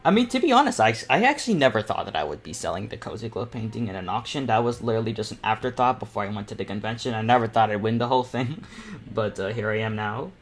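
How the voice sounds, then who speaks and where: Animated and fast, this fairly low-pitched young man, a teen or young adult, hosts a painting panel as a self-taught artist. He chats casually through a live art tutorial while painting, rambling a bit and repeating himself in an informal, encouraging manner.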